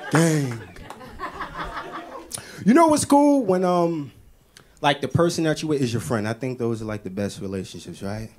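A man from the Bronx, doing a stand-up set in an animated, exclamatory way full of street slang. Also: medium pitch, normal speed, pauses often. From the Bronx, New York. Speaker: stand-up comedian. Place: stage before a live audience. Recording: live stage with audience laughter.

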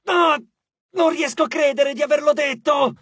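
Goddess of night in an audiobook: commanding but panicky, loud shrill cries, as the narrator puts her on, dry close studio sound. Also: moderate pace, no echo. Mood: panicked. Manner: shouting, high-strung. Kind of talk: audiobook character voice.

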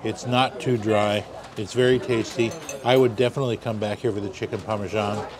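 A man hosting a food vlog, calmly explaining each dish step by step in casual commentary, on a busy street. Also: lowish voice, a little fast. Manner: easygoing, explains dishes step by step. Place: outdoors on a busy city street. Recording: busy crowd noise outdoors. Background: crowd chatter and passing traffic.

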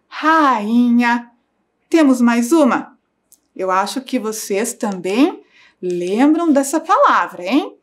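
Slow sing-song woman teacher. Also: fairly high pitch. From Brazil. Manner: patient, sing-song, drawn-out syllables. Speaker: primary school teacher. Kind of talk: slow, clear classroom lesson for young children. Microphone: broadcast studio mic.

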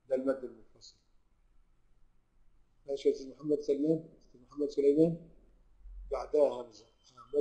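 An Egyptian Arabic-accented man runs an online tajweed class, posing questions he then answers himself while reciting verses in slow, drawn-out fashion. He speaks at medium pitch with a dark tone. The recording quality is low.

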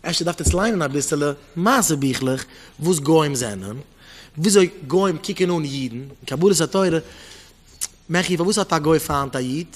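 A rabbi gives a Torah talk, preaching with pointed rhetorical questions that he repeats, and mixing in English words. His fairly high voice is animated, at a normal speed.

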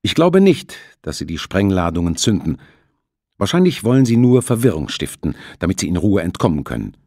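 A man's voice: sits low, sing-song, brisk, darkish tone, no room sound, studio quality. A man doing a firm, stubborn ship captain.

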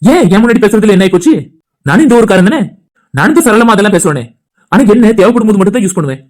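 Cartoon role: a man doing a blunt, irritable young brother, high-pitched, fast. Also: lively intonation, darkish tone. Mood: irritated. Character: protective older brother, short-tempered young man. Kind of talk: cartoon voice acting.

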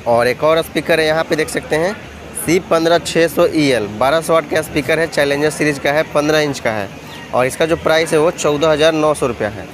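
A man vlogging through an expo hall, listing models and prices in a steady, repetitive way. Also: a little high, a little fast. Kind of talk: walkthrough vlog listing prices. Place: busy indoor trade expo hall. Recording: noisy expo hall phone recording.

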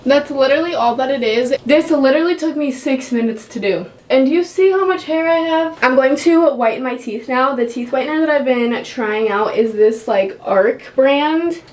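A woman's voice: high-pitched, moderate pace, few pauses, a little mellow. A young American woman with a slight lisp, chatting casually through a beauty tutorial to a camera indoors. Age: young adult. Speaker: beauty vlogger. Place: indoors in bedroom and bathroom. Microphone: camera a short distance away. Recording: echoey room, clear background noise.

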